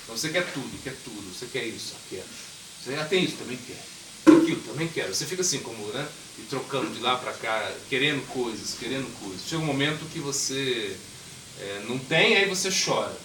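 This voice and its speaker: A man's voice: medium pitch, lively intonation, a little fast. A man as swami giving an informal spiritual talk, conversational, asking the audience questions and acting out voices. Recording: echoey room, mic far off, noisy.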